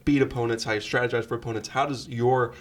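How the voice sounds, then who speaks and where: A man with an average-pitched voice works as a sports interviewer. He puts his questions casually, wandering through several clauses as he goes. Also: steady tone, fast talker.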